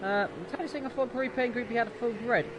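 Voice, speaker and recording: A man doing live motorsport commentary in an excitable, exclaiming play-by-play manner. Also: very high-pitched, quick pace. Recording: noisy, car engine sound behind.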